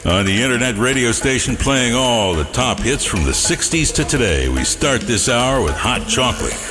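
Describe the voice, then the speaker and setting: A music radio DJ and host chats playfully, dropping hammy, jokey asides and bits of news. His medium-pitched voice swings widely in pitch at a normal speed, carried on a reverberant radio stream over a music bed.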